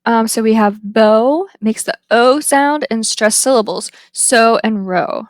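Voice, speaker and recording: A woman with a fairly high voice gives a phonetics lesson at an unhurried, careful pace. She lingers over each example word. The sound is dry and close, with no room echo. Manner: slow and deliberate, drawing out example words. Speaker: phonetics instructor. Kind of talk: slide-based lecture.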